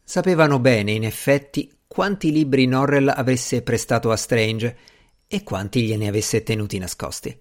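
A man reading an audiobook as narrator, steady and measured. His voice sits at a middle pitch for a man. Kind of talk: scripted narration.

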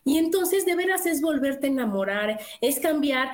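A middle-aged woman with a Mexican accent, co-hosting a casual chat, talking in a lively way with many rhetorical questions. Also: high voice, moderate pace. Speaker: co-host. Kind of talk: casual chat reading viewer comments.

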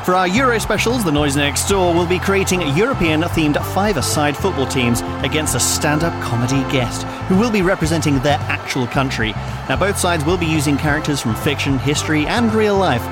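A man hosting a comedy podcast, upbeat and laughing often as he jokes with his guests. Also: a little high. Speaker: podcast host.

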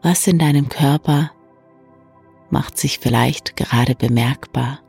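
A person gently guiding an evening relaxation in a soft, hushed, soothing voice with long pauses. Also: medium pitch, gravelly, slightly rough. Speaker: meditation guide and bedtime story reader. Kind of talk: soft, soothing guided meditation for bedtime. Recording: soft new-age music bed. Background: calm new-age music.

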